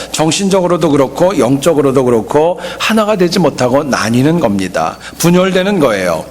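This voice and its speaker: A man's voice: fairly high pitch, in a large hall. A man preaching a sermon as a pastor, explaining word meanings in a teacherly way. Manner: explanatory, teacherly, lively intonation.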